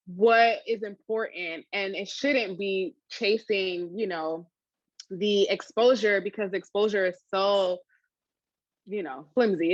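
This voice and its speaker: Chatty woman, laughing and animated. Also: medium pitch, no echo, muffled recording. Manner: chatty, animated, laughs often, many fillers. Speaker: interviewee, food channel creator. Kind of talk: casual interview answers.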